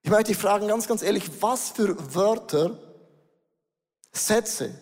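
A middle-aged male pastor preaching a lively sermon, switching between quick asides and slow, stressed words. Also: high voice. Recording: long hall reverb.

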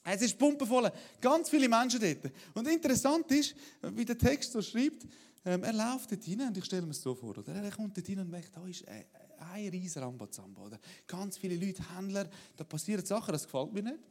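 A man preaching a sermon in a lively, conversational way, often asking "oder?". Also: sits high, brisk. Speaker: pastor.

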